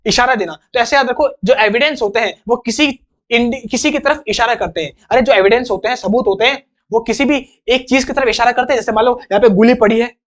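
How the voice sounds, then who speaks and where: A man's voice: very high voice, dull audio. A young man teaching an English vocabulary lesson in a chatty, joking way, acting out little examples.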